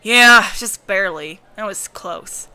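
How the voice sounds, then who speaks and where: A woman's voice: medium pitch, slow pace, pushed and bright, clear, resonant tone, full character voice. A woman voicing an easygoing, careless and apologetic man in his early twenties in an amateur visual novel voice-over. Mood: relieved. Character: twenty-three-year-old grandson, careless, apologetic, easygoing.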